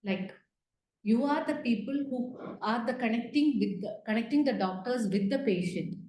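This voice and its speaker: Teaching a virtual medical class over video call from indoors, a woman prompts her learners with questions. Her voice is mellow and on the high side, her pace normal, and the call audio sounds roomy and echoey.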